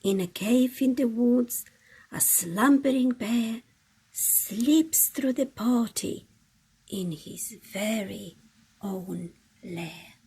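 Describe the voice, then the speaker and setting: A woman reading a picture book aloud to children with dramatic, deliberate phrasing. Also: fairly high pitch, dark tone, slight background noise. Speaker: storytime reader.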